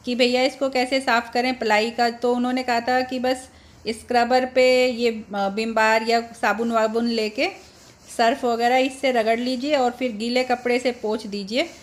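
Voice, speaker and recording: High-voiced woman vlogger chatting at home. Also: little pitch movement, moderate pace. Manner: chatty, explaining chores step by step. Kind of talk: casual home vlog narration.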